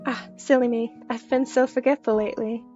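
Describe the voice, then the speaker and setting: Woman voicing a whiny, forgetful young man, higher-pitched. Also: fairly even intonation, fairly quick, warm tone, lightly acted. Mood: oblivious, puzzled. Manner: whiny, dismissive of worry. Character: young male team captain, forgetful, whiny, playful, babyish. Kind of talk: story character dialogue. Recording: slightly dull lo-fi audio under music.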